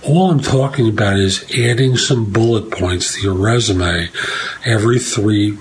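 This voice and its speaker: A man hosting his own career podcast, speaking in a relaxed monologue full of advice and uneven pacing. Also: on the low side, a little hiss or hum, low-quality recording. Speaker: podcast host and career advisor.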